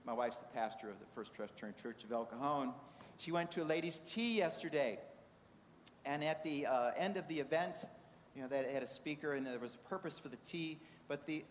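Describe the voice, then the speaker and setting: A man preaching a sermon in a measured way, asking the congregation rhetorical questions. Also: on the high side, a little hiss or hum. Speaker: pastor. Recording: reverberant hall with faint ambience.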